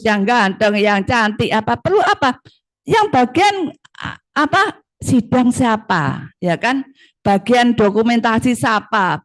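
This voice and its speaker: A middle-aged woman giving a conversational law lecture, often checking in with her students. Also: a little high. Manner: lively, conversational, frequent tag questions. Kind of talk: classroom lecture.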